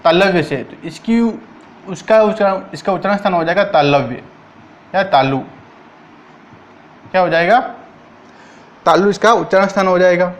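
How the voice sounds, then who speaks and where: High-voiced man teaching Hindi grammar. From Rajasthan, India. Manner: repeats each point as a question and answers it himself; drawn-out syllables while reciting sounds. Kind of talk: exam-prep Hindi grammar lesson.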